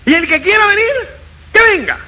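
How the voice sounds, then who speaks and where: Male seminar speaker with a very high, bright voice, animated and swinging in pitch, live recording with faint noise. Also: brisk, rough recording. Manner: animated, keeps asking "¿me entiendes?"; acts out quoted people in shifting voices. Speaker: motivational speaker. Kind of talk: seminar talk to an audience.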